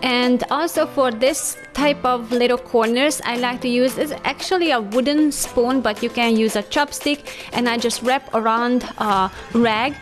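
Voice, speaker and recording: A woman in her thirties chatting cheerfully through a home cleaning vlog, talking close to the camera in a bright kitchen. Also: fairly high pitch, measured pace, hardly any pauses, faint music behind. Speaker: home vlogger.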